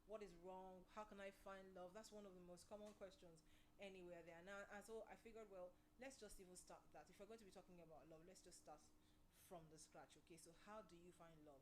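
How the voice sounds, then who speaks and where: A woman's voice: lowish voice, fairly even intonation, a little fast, noisy background. A woman hosting a casual advice talk on love, speaking earnestly and conversationally and often turning questions back on the listener. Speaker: relationship advice host.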